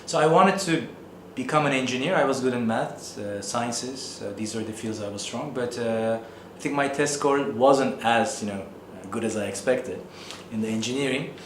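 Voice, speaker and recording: A man's voice: medium pitch, moderate pace, few pauses, fairly bright tone, reverberant, a little hiss or hum. A man in his thirties from Turkey with a Turkish accent, an economics professor answering interview questions thoughtfully, with many fillers.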